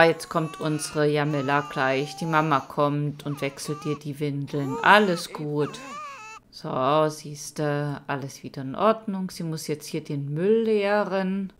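Woman, low voice, casual gameplay commentary, chatty, talks to her characters. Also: a bit bright, slight background noise. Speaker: let's-play host.

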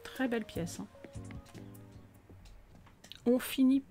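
A woman with a somewhat high voice talks through a game tour in a casual, gushing way. She exclaims constantly and at times sinks to a near whisper. Light music plays faintly behind her. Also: slow pace. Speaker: gaming video host touring viewers' islands. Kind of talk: casual gameplay commentary.

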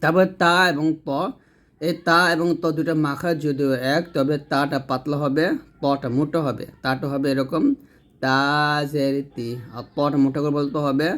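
A man teaching Quranic letter pronunciation, saying each sound slowly and clearly, then explaining it quickly. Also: fairly high pitch, little pitch movement, a bit bright. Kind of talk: slow drilled pronunciation lesson.

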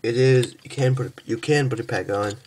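A young man casually reviewing and transforming a toy figure, halting and stumbling over his words, tired from just waking up. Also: medium pitch, darkish tone, slight background noise. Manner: halting, stumbles and restarts often.

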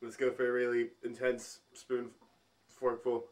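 A man vlogging as he tastes food, talking in halting bits while he thinks aloud between bites. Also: medium pitch, completely flat delivery, a little mellow. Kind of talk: food tasting vlog.

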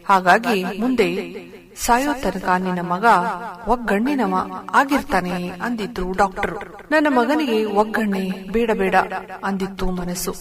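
Tender, self-sacrificing dying mother, one eye lost, soft and intimate, read by a woman storyteller; crowd murmur behind. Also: medium pitch, unhurried, lightly acted.

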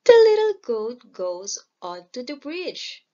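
A woman slowly and clearly reading a simple children's story aloud as a storyteller. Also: sits high, very animated, mellow, lo-fi sound. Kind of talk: slow storybook reading for learners.

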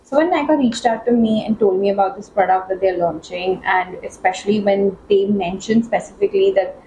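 A woman talking through a makeup tutorial as a beauty vlogger, chatty and excitable, with many fillers. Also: medium pitch, brisk, low-quality recording. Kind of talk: casual makeup tutorial chat.

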